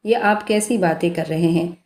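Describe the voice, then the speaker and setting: A man's voice: high-pitched, normal speed, a little mellow, natural voice. A woman voicing a teasing, affectionate young husband in a romantic spoken story, coaxing and playful. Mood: defensive. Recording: roomy echo.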